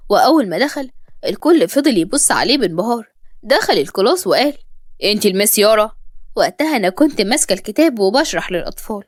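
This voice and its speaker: A woman's voice: a little high, no room sound, clean studio sound. A woman with an Egyptian accent narrating a first-person story expressively. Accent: Egyptian Arabic.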